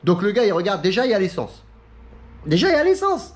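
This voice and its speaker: This middle-aged Frenchman, a sim racing YouTuber, talks casually to camera in a high-pitched, fast voice. He's chatty and animated, telling stories, acting out what other people said, and laughing often.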